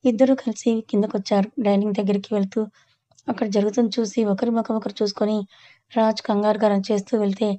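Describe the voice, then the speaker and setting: A woman reading a romantic family story aloud in a steady, even way as narrator. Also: medium pitch, quick pace. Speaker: story reader.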